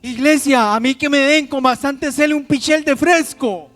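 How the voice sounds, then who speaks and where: A man's voice: very high-pitched, normal speed, a bit bright. A man preaching a pentecostal sermon, calling out to the congregation with questions. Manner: addresses the congregation as "iglesia", asks questions to the crowd. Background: instrumental music.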